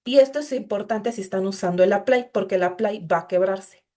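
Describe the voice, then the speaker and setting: A woman's voice: mid-range voice, brisk, darkish tone. A woman giving an informal, explanatory recorded programming class and talking directly to her students. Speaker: instructor.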